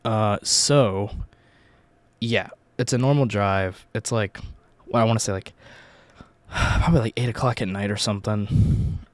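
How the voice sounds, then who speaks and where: A young American man with a fairly low voice, recorded dry and close. He is hungover and talks like a casual vlogger, rambling through a personal story with plenty of swearing. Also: unhurried, long pauses, dry recording. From Virginia, United States. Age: young adult. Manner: rambling, profanity-laden, informal. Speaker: YouTube host telling life stories.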